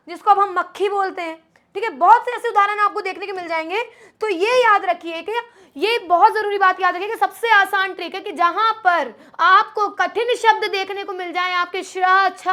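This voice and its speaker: Woman, Hindi grammar teacher, very high pitch, bright tone, slows to stress key letters, calls students "my child". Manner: addresses students as "my child", asks and answers her own questions. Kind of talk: online exam-prep lesson.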